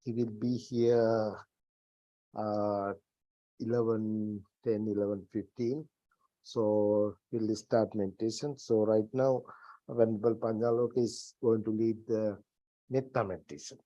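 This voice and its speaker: A man hosting a service with informal announcements in halting, hesitant phrasing, on a dull lo-fi recording. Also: lowish voice, fairly even intonation, dark tone, no room sound. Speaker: service host. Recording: dull, lo-fi sound.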